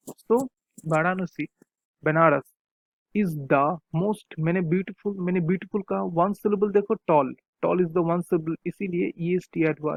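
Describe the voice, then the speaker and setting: A man teaching English grammar, explaining points slowly and repeating them, reading example sentences out word by word. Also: high voice, vocal fry, fairly bright tone, no room sound. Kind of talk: explaining grammar from a chart, mixing Hindi and English.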